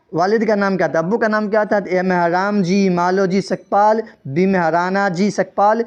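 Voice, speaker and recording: A man's voice: high-pitched, muffled recording. Man drilling quiz answers. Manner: reads out answer options and repeats each question. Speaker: teacher. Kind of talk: exam-prep quiz lesson.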